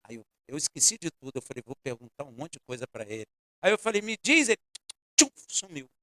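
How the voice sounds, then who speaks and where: A man's voice: on the high side, very animated, brisk, no room sound, clean studio sound. A man preaching a sermon as pastor, telling a personal story and speaking directly to his congregation. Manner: storytelling with shifting loudness, addresses congregation directly. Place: church.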